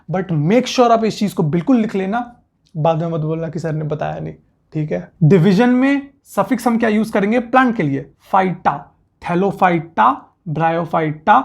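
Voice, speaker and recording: Gravelly-voiced male biology teacher. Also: sits high. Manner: brisk, repeats terms for students to memorize. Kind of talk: classroom lecture.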